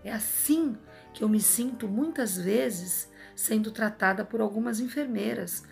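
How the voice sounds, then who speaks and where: A woman's voice: fairly high pitch, measured pace, gravelly, a little mellow, faint music behind. A Brazilian woman with a Brazilian Portuguese accent, speaking earnestly from a hospital and lecturing the audience with many rhetorical asides. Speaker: advice vlogger. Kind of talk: emphatic personal monologue.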